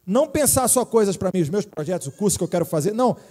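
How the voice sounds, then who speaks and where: High-voiced Brazilian pastor preaching in a hall. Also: male voice, quick pace. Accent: Brazilian Portuguese. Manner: lively, jokey preaching with direct appeals to the congregation. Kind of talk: sermon. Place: church hall.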